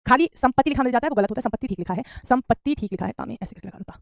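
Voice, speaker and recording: A woman with a fairly high voice teaches a spelling class at a rapid pace. She repeats each correct word and speaks straight at her students. The recording is close and dry. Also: animated, gravelly, no room sound. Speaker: Hindi teacher. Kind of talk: online spelling lesson.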